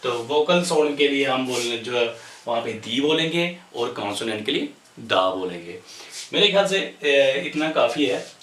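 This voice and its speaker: A man from India teaching an English grammar lesson to a class, explaining slowly with many pauses and fillers and mixing English terms into his talk. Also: medium pitch, expressive, a bit bright. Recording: roomy echo, voice from a distance.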